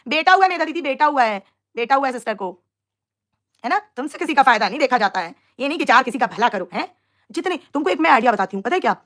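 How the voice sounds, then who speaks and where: A woman's voice: sits high, lively intonation, fast talker, fairly bright tone. A young woman chatting on a live stream, teasing and mocking rivals while talking to her viewers. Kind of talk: casual live stream chat.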